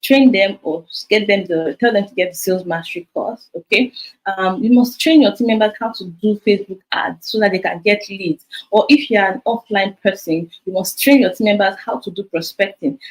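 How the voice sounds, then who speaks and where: A Nigerian woman in her thirties, a business coach talking to her sales team over her phone, animated and repeating her key points. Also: medium pitch, moderate pace, poor audio.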